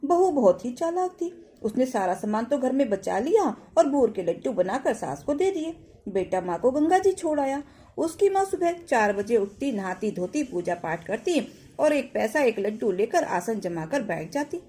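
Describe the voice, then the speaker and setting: High, lively woman telling a devotional folk tale. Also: normal speed. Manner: homely, plain storytelling with ritual refrains. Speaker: devotional storyteller.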